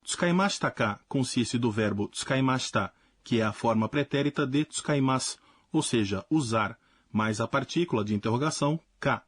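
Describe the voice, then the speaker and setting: A man teaching a language lesson in a clear, explanatory scripted narration. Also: mid-range voice, expressive, normal speed, dry recording.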